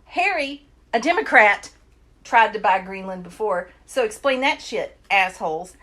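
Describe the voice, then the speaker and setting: A woman's voice: mid-range voice, animated, a little slow, bright, forceful tone. Heated, profane woman ranting. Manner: profane, heated, mocking voices. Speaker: podcast co-host. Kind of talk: casual ranting chat.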